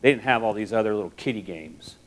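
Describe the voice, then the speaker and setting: A man's voice: fairly low pitch, lively intonation, fast. Man giving a chatty, jokey Bible talk. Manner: conversational, jokey, acts out quoted voices. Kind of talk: casual sermon to students.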